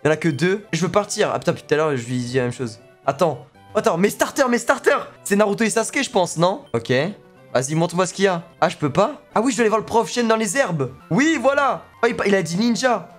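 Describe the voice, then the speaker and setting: A man's voice: sits high, lively intonation, fast talker, soft background music. A young man streaming a video game, chatting casually in slang and joking as he plays. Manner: slangy, joking, reacting aloud. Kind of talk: casual let's play commentary.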